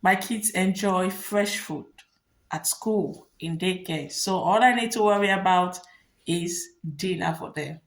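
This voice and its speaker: Slow-speaking upbeat immigrant woman vlogger. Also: on the low side, rough recording. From immigrant living in Finland. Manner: upbeat, enthusiastic, laughs often. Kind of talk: casual vlog with a repeated catchphrase.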